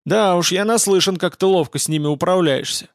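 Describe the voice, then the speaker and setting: A man's voice: high-pitched, animated, moderate pace, dry recording, studio quality, pitched above the performer's own voice. A man reading a story voices a big, boastful warrior who grumbles pompously about his faith and his courage. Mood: grumbling.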